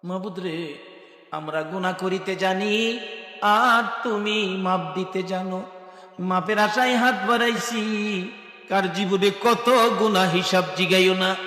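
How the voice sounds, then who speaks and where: A man's voice: high voice, takes it slowly, long pauses, pushed and bright. A man from preaching a sung waz sermon at a religious gathering, chanting in a melodic, wailing way. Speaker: Islamic preacher. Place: large religious gathering over loudspeakers. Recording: echoey hall sound with faint music.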